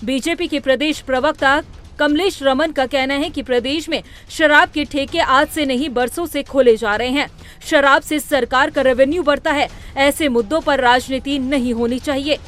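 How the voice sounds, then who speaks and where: एक महिला रिपोर्टर जो समाचार रिपोर्ट को लिखी हुई, ज़ोरदार शैली में पढ़ रही है।. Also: female voice, high voice, fairly even intonation, moderate pace, fairly bright tone. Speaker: news reporter. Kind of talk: scripted news narration.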